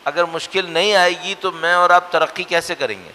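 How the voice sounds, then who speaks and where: An earnest man delivering a religious lecture. His voice sits fairly high and bright, and it rings with a long reverb in a lecture hall. He pushes with rhetorical questions and then drops to hushed, soft lines. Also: fairly quick, a little hiss or hum.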